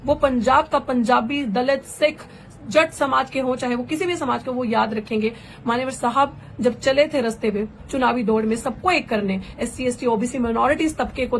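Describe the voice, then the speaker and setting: A young woman activist speaks in an impassioned, fervent way, driving her points home with rhetorical questions. Her voice sits on the high side. A faint hiss runs under the recording. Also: rough recording. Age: young adult. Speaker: political activist. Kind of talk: impassioned political address.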